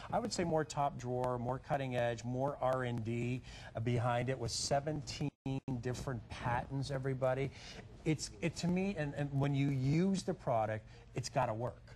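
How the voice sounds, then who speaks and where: Guy doing home shopping host pitch, talks fast, chatty and encouraging, some noise behind him. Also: a little mellow. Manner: chatty, encouraging, addresses viewers directly.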